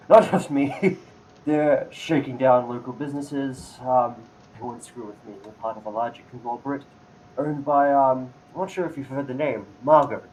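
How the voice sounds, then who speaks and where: A man's voice: mid-range voice, normal speed, a little mellow, a little hiss or hum, natural voice, poor audio. A man voicing a chatty male shopkeeper who rambles and hesitates with many ums.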